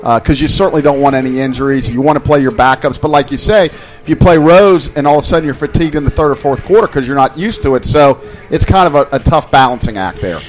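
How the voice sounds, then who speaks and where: A man's voice: medium pitch, quick pace. A man giving color commentary on a college football radio broadcast, talking in loose, conversational sentences full of "you know". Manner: conversational, rambling with fillers.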